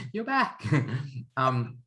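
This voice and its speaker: A man's voice: a little high, sharp tone. A man in his forties from Zimbabwe, introducing an online course over a video call in an earnest, open way. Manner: earnest, open, chuckles often. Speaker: counselor and program leader.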